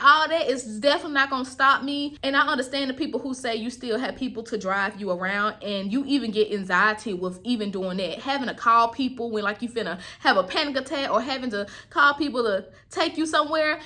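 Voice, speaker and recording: A woman with an American accent chatting casually to viewers in a candid, expressive, slangy vlog style. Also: fairly high pitch. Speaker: vlogger.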